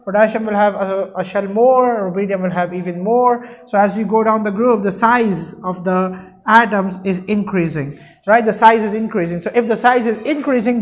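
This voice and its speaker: A man, lecturing as a teacher and often asking questions and checking understanding. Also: high voice. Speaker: chemistry teacher. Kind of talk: explanatory classroom lecture. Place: indoor room at a whiteboard.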